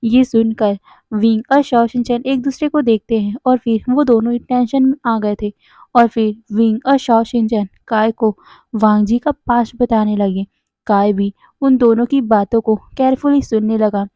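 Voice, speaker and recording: A woman's voice: a little high, fairly even intonation, moderate pace, warm tone, no room sound. A woman narrating a fan story in a casual, conversational way, now and then correcting herself.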